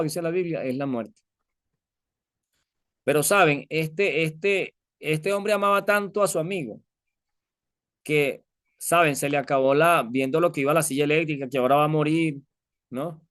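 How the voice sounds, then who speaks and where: Man, preacher, fairly high voice, close dry sound, rhetorical questions. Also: moderate pace, fairly bright tone, dry recording. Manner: storytelling with many rhetorical questions to listeners. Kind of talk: conversational sermon.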